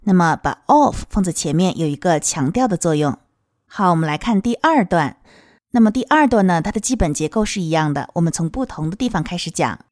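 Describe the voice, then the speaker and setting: A woman teaching English pronunciation of a children's song, modeling each sound slowly and clearly. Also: on the low side, lively intonation, darkish tone, no room sound, clean studio sound. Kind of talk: explaining song lyrics and pronunciation.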